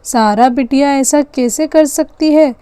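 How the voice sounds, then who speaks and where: A woman voicing a stern middle-aged father in a doll story, with a slow, commanding manner. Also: high-pitched, mellow, dry recording.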